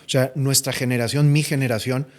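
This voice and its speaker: A man's voice: mid-range voice, steady tone, fairly quick. Man, Mexican Spanish accent, physician guest, emphatic, repeats words, podcast chat. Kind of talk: casual podcast conversation.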